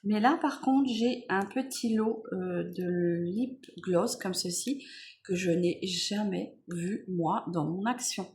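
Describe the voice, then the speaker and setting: A woman vlogger chatting casually while unboxing beauty products, relaxed, with many fillers and self-corrections. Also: mid-range voice, takes it slowly, slight background noise.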